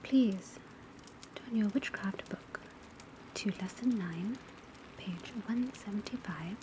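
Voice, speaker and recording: In this ASMR classroom roleplay, a woman lightly acts the part of a formal, composed teacher at a witch school, lecturing in a mid-range voice. She speaks softly and breathily, frequently whispering, with careful, precise pacing. Behind her are rain on the roof, a crackling fire and a pencil scratching.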